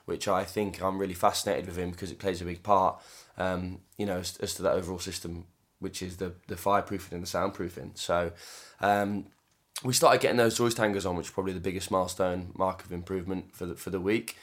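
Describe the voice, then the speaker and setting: A man's voice: sits low, steady tone, fairly quick. A British man co-hosting a podcast, chatting casually about his own work. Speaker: podcast co-host, property developer.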